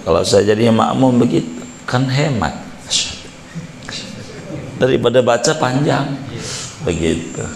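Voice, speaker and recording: A man's voice: lowish voice, gravelly, a little hiss or hum. A man preaching in a chatty, joking way, drawing out words and explaining with asides. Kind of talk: casual religious lecture. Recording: echoey hall with faint ambience.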